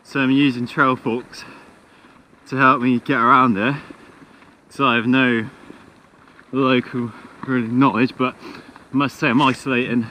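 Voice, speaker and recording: A young man with a southern English accent, rambling casually while riding a mountain bike outdoors, recorded on a bike camera with loud wind and trail noise behind him. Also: mid-range voice, a little slow, rough recording. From southern England. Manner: rambling, relaxed, chatty.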